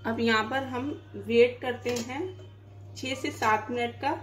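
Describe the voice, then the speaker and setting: A woman's voice: a little high, level tone, a little slow. A woman hosting a home cooking demonstration, explaining each step plainly as she works in her kitchen. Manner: explains plainly while cooking, with frequent "dekhiye". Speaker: cooking channel host.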